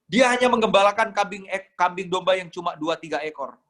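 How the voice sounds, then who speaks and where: Speaking a little fast in a high, slightly bright voice, a young adult pastor from Indonesia delivers a sermon. He tells stories with strong emotion, even voicing characters who plead.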